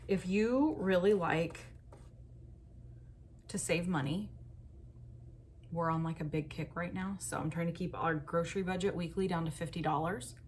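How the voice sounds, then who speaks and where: A woman's voice: on the low side, normal speed, long pauses, a little mellow, slight background noise. A woman, chatting casually and rambling through money-saving tips in a lifestyle vlog. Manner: chatty, rambling, self-deprecating, fillers like "like". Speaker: lifestyle vlogger.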